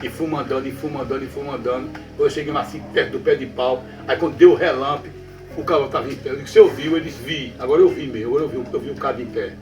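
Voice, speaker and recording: A man from the backlands of Brazil's Northeast, with the region's accent, tells a ghost story to a listener as a spoken folk tale. His voice is medium-pitched with fairly even intonation, and he races along, repeating phrases and often checking that the listener is following. A distant mic gives a roomy sound with faint music.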